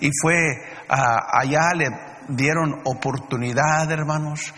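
A man's voice: a little high, steady tone, takes it slowly, a bit bright. A man preaching a fervent sermon, constantly calling out to the brethren with many fillers and restarts. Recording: long hall reverb.

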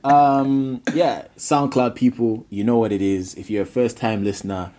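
A man's voice: mid-range voice, steady tone, normal speed, mellow. A man hosting a podcast in casual, slangy banter, often repeating words and phrases for emphasis. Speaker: podcast host.

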